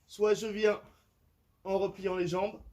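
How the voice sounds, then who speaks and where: A man's voice: sits high, flat delivery, slow, darkish tone, low-quality recording. A man, a fitness coach, explaining and demonstrating home workout exercises, often checking in with his listeners. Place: outdoor terrace at home.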